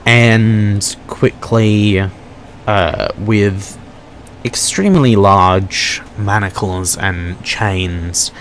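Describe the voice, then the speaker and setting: Low-voiced man running a tabletop game. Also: fairly bright tone, slight background noise. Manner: describes scenes and calls for dice rolls. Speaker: game master.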